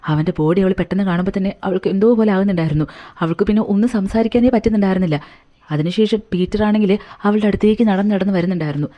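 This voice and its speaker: Woman telling a movie plot super fast and chatty, kinda dull lo-fi sound. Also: medium pitch. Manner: chatty, colloquial retelling. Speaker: movie recap narrator. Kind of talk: casual movie recap storytelling.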